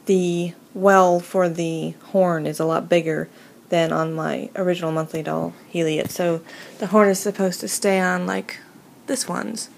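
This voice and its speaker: Creaky-voiced woman giving a casual craft tutorial. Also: lowish voice, flat delivery. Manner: informal, halting, thinking aloud. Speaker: hobby video host. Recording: noisy home recording.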